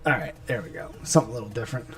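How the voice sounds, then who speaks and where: A man live-streams himself painting miniatures, speaking in a mid-range, slightly bright voice at a racing pace. He chats casually, rambles, and mutters to himself as he works. The mic is a bit far off, with music playing behind him.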